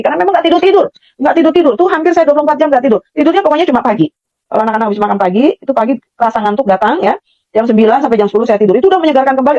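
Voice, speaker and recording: A woman's voice: fairly high pitch, darkish tone, no room sound, dull audio. A middle-aged woman giving an earnest personal testimony, repeating phrases for emphasis. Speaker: testimony speaker.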